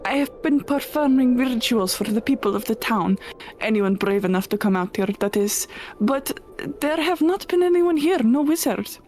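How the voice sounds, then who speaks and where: Mulher fazendo uma bruxa solitária e confusa da torre, fala formal e truncada, tom um pouco agudo. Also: female voice, a little high, lively intonation, moderate pace, a little mellow, voice pushed up, close to an everyday voice. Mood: insistent. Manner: formal clipped speech dropping articles. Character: lonely confused woman witch living in a tower.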